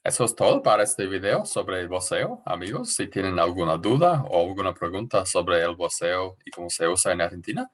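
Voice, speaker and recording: A man's voice: deep voice, sing-song, a little fast, hardly any pauses. A man from New Zealand who speaks natively, hosting the talk and asking careful questions with small hesitations. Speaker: host. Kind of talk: casual interview.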